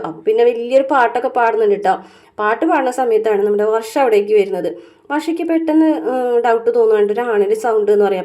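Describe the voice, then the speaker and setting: A woman's voice: fairly high pitch, dark tone. A woman casually retelling a TV serial episode, full of fillers and tag words. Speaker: serial recap vlogger.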